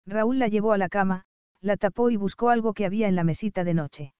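A woman narrating an audiobook in a calm, even storytelling manner. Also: medium pitch, a little fast, clean tone, no echo, lo-fi sound. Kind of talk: scripted narration.

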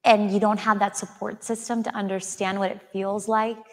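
A woman's voice: mid-range voice, level tone, moderate pace, a little mellow. A woman in her thirties, originally from Chile, speaking earnestly as an author guest in an onstage interview before an audience. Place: auditorium stage before an audience. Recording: hall with long reverb.

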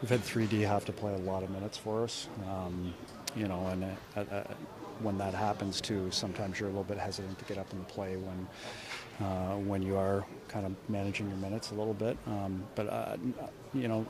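A middle-aged head coach with a deep, fairly flat voice fields reporters' questions at a postgame press conference, speaking in a measured way and often restarting sentences and repeating words. He's in an indoor media room in front of a sponsor backdrop, picked up by a cluster of handheld reporter mics, with a crowd audible behind him.

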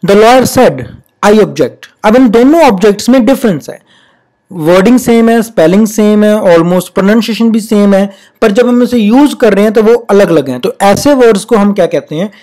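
A teacher explains spelling rules in a patient classroom manner. The English rules are read out slowly and deliberately, with each example word spoken carefully, often twice. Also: mid-range voice, dark tone. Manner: repeats example words in pairs, patient explaining tone. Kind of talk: recorded classroom-style lesson.

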